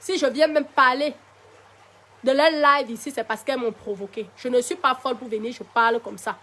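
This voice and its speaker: A woman's voice: high-pitched, steady tone, moderate pace, bright, forceful tone. A woman with a Cameroonian French accent talking live to her viewers, defiant and tired, her voice still recovering. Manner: defiant, addresses viewers directly with pet names. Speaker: live-stream host. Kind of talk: casual live-stream monologue.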